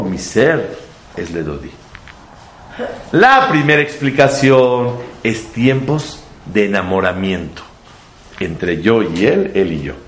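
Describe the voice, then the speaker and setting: A man's voice: lowish voice, a little hiss or hum. A man giving a Torah sermon, asking rhetorical questions and using playful homely examples. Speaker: religious teacher. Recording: echoey room.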